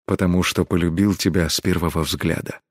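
A stern, protective starship captain, as the male narrator plays him, speaking low and hushed with a deep register. He sounds possessive and commanding. The close, dry recording keeps every word near. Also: normal speed, dry recording, natural voice. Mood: tender. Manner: low and hushed, growling when angry.

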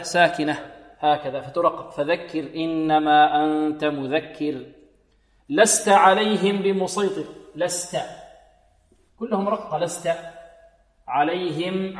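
Echoey Quran teacher quizzing a class. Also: male voice, on the high side. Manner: questions the class and answers himself, chants verses slowly. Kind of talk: tajweed lesson with recited examples. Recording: echoey hall, voice a bit distant.

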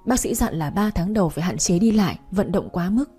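A woman's voice: fairly low pitch, animated, a little fast, dark tone, slightly rough, faint music behind. A woman voicing a timid, polite pregnant young wife in a story reading. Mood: pleading. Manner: polite, pleading.

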